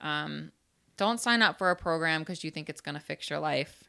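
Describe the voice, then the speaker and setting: A woman co-hosts a podcast in a low, creaky, clear voice with a resonant tone, speaking at a normal pace. She is frank, casual and animated, filling her speech with words like "like."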